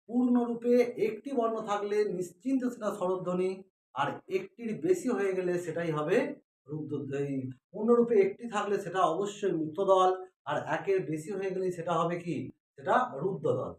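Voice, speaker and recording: A man's voice: high-pitched, expressive, moderate pace, slight background noise. A man teaching a grammar lesson, asking questions and then answering them himself. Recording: echoey room, mic far off.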